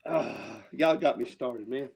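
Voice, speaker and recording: A man's voice: medium pitch, unhurried, a little mellow, breathy edge. A man with a Southern US accent talking casual, profane wrestling trash as a guest, rambling and riled up. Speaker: wrestling promotion owner, show guest.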